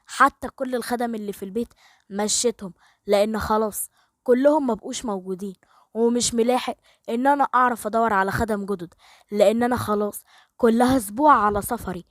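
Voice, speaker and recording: A woman's voice: a little high, steady tone, fast, a bit bright, dry recording, close to an everyday voice. A woman voicing a worried middle-aged father who coaxes earnestly, with an Egyptian Arabic accent. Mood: pleading. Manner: coaxing and earnest.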